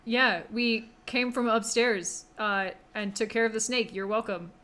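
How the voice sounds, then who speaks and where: A woman's voice: on the high side, fairly even intonation, measured pace, bright, forceful tone. A woman trading dry, offhand improvised banter as a player in a tabletop game.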